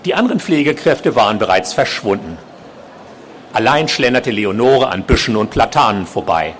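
A male author reading from his novel at a book fair in a measured, expressive way. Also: on the low side, slight background noise.

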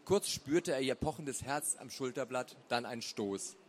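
A man narrating a story aloud in a measured, dramatic way. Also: mid-range voice, a little hiss or hum. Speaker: reader. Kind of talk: audiobook narration.

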